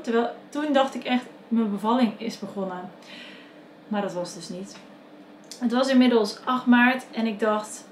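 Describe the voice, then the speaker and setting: A woman's voice: a little high, a little mellow, slight background noise. A young woman with a Dutch accent, casually telling a personal story to the camera, chatty and full of fillers and self-corrections. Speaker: vlogger telling her birth story.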